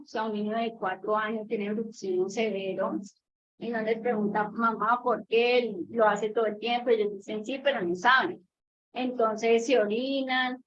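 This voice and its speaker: A mother, telling a long story about her child and asking a question in casual talk, with many fillers. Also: on the high side. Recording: dull lo-fi audio with faint noise.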